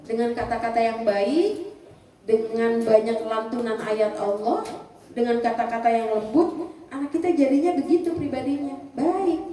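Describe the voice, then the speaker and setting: A woman's voice: on the high side, distant mic. Woman speaker in a very echoey hall. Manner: lively, acts out mothers' lines, asks audience questions. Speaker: parenting speaker. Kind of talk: parenting seminar talk to mothers.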